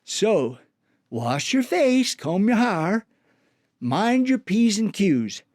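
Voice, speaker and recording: A man reciting folksy cowboy poetry in an animated way, with a cowboy drawl and rustic dialect. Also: high-pitched, very slow, no echo, clean studio sound. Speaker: cowboy poet, storyteller.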